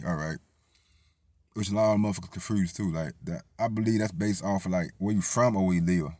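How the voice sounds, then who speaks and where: A Tennessee man with a fairly low, darkish voice, recorded without echo. He's a vlogger in a casual, profane monologue that rambles, keeps restarting, and leans on "you feel me."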